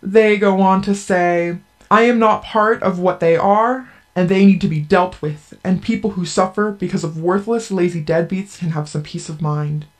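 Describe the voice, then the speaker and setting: An anonymous guest in a radio interview, speaking in an earnest, measured way through an electronic voice disguiser. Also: medium pitch. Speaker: anonymous guest, group member.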